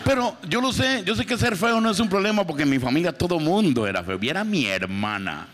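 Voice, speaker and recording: A man doing a stand-up comedy routine on a club stage, animated, with big swings in pitch for punchlines. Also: quick pace. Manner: animated, swings pitch for punchlines, shouts when acting out characters.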